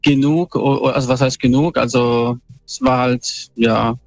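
A man from northern Bavaria phones in and tells his story casually and hesitantly, with many fillers and restarts. His mid-range voice comes at a moderate pace over a dull, lo-fi phone line, with no room sound.

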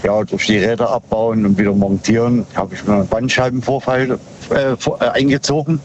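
A man's voice: medium pitch, steady tone, fairly quick. Middle-aged male caller over the phone. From Hunsrück, Germany. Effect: heard over a phone line. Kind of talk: casual chat. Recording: muffled phone line, faint vehicle noise.

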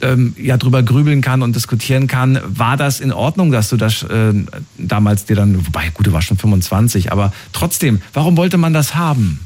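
A man in his late thirties hosting a call-in show, chatting casually and asking quick follow-up questions. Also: mid-range voice, expressive, a little mellow. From Thuringia. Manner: chatty, reminiscing, asks quick follow-ups.

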